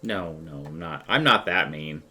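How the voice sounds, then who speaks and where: A man's voice: rumbling low, animated, moderate pace, pushed and bright. A man running a tabletop game as game master, narrating and chatting conversationally with the players.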